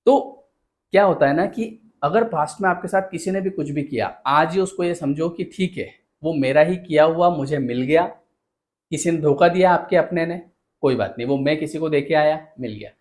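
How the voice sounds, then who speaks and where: A man with a fairly high speaking voice gives an earnest motivational talk. He keeps asking rhetorical questions and speaks straight to his listeners. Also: normal speed, a little mellow.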